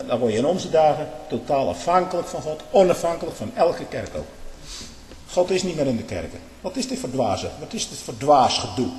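Man, preacher, fiery and emphatic, slightly high voice, echoey room. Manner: fiery and emphatic, swings from loud outbursts to low muttering. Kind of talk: impassioned sermon-style monologue. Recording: echoey hall with long reverb.

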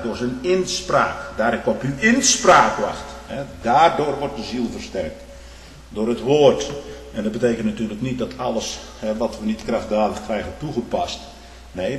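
A man preaching a sermon in an emphatic manner, often tagging his points with short questions and repeating himself. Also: lowish voice. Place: church. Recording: echoey church hall with faint noise.

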